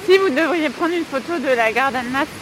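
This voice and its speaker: Woman reporter chatting to strangers out on location, highish voice, clear traffic noise behind. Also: fairly quick. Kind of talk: on-location interviewing. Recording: noisy outdoor and station location recording.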